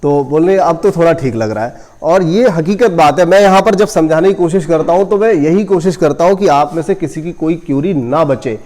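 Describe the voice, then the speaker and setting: A man's voice: on the high side, a little fast, few pauses. A man teaching a coaching class in math, working sums aloud step by step and talking straight to his students. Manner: addresses students directly, gently scolding.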